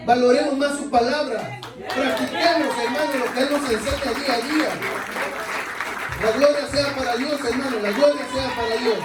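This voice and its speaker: A man's voice: very high-pitched, normal speed, over a noisy crowd, very noisy. A man preaching a sermon in a church, repeatedly calling out to his brothers and asking rhetorical questions. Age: adult. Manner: keeps addressing listeners as brothers, asks rhetorical questions. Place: church sanctuary. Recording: echoey church, mic far off.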